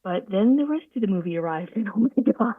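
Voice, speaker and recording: A woman voice actor talks casually on a video call from her sofa, telling stories with lively, theatrical flair. Her voice comes through a narrow, phone-like line that sounds tinny, and the sound is dry and close, with no room around it. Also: medium pitch, fast, slightly rough, no echo. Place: home sofa.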